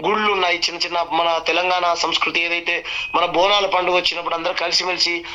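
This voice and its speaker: High-voiced and sharp, with little pitch movement and a quick pace, this man gives emphatic, repetitive oratory as a candidate in an interview. He's from a village in Telangana, India, has a Telangana Telugu accent, and stacks up his political campaign points in lists.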